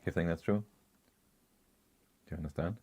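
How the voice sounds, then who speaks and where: A man with a low, warm voice co-hosts a casual chat at a normal pace, reading out viewer comments. He rambles, chuckles often, and keeps restarting his sentences.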